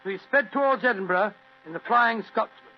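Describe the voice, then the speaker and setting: An actor playing a genial older British gentleman doctor who tells stories in an old radio drama. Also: sits high, moderate pace, natural voice. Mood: genial, reminiscing. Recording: muffled old radio recording with hum and hiss.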